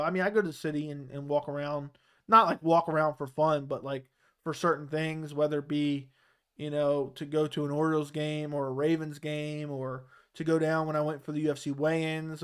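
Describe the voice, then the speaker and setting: Fairly high-pitched and fairly bright, with a clean tone, a young man with a Baltimore accent runs a live chat show. He responds to viewer comments loosely and ramblingly, with plenty of fillers and restarts.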